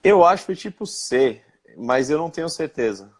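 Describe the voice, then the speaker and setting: A young man from Brazil speaking in a live-stream interview, recounting his experience with many pauses, fillers and restarts. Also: fairly high pitch, animated. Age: young adult. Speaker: interviewed guest.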